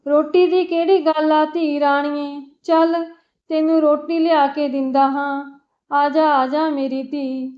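A woman voicing a kind, fatherly middle-aged man who coaxes a hungry girl to eat, repeating words warmly. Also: sits high, flat delivery, takes it slowly, dull audio. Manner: warm, coaxing, repeats words.

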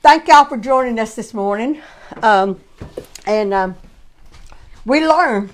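A woman's voice: on the high side, expressive. Chatty woman baking at home. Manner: chatty, halting, many restarts. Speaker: cooking show host. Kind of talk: casual home-kitchen demonstration. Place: home kitchen.

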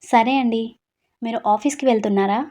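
A woman's voice: fairly high pitch, a little fast, a little mellow, lightly acted. A woman doing an innocent young wife. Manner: innocent, pleading.

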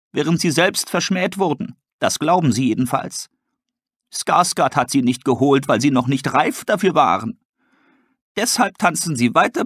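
A man doing a scornful, high-voiced creature. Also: fairly bright tone, no echo, studio quality, exaggerated voice.

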